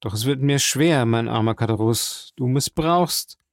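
A man's voice: mid-range voice, unhurried, no room sound, clean studio sound, lightly acted. A man voicing a cold, guarded young male impostor who answers curtly, in a storybook reading. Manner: curt, guarded.

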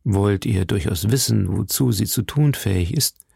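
A man reading an audiobook and voicing a refined musketeer who speaks softly and carefully. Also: medium pitch, animated, vocal fry, husky, no echo, clean studio sound, exaggerated voice. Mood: measured. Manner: soft, measured.

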